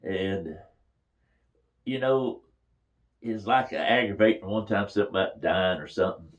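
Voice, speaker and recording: An older man tells family memories in a casual, folksy way. His voice sits a little low, and he chuckles now and then as he talks. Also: measured pace, muffled recording. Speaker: storyteller. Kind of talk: casual reminiscing.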